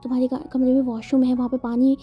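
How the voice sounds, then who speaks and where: A woman's voice: sits high, flat delivery, quick pace, husky. A woman voicing a confident young man who teases and needles another. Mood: teasing. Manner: teasing. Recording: dull lo-fi sound, faint music.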